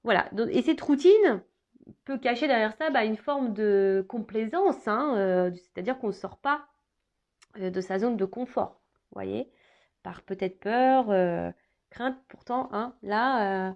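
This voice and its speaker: A woman's voice: a little high, unhurried, a little mellow, highs cut off. A woman doing a casual tarot reading for her viewers, talking hesitantly with many fillers and restarts. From France. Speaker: tarot reader.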